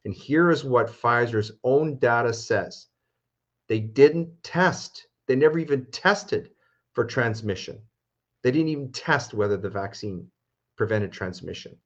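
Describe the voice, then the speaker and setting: A man's voice: medium pitch, lively intonation, unhurried, a bit bright, lo-fi sound. A man, a lawyer, talking heatedly and emphatically on a discussion show, with restarts.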